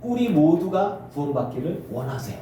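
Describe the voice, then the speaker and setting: A middle-aged male pastor preaching a sermon, animated and acting out family scenes in character voices. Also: a little high, moderate pace, a little hiss or hum. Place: church sanctuary. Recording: echoey church from far off.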